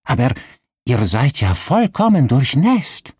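A man voicing a hunched, tip-hungry male innkeeper in an audiobook, slow and ingratiating. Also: on the high side, wildly swooping pitch, creaky, breathy edge, no echo, studio quality, voice pushed up, full character voice. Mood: surprised. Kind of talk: audiobook character voice.

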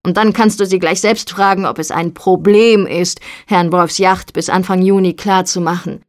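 A woman's voice: lowish voice, steady tone, moderate pace, lightly acted. Audiobook: arrogant young man lecturing a colleague, read by a woman, smug and bossy. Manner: condescending, lecturing.

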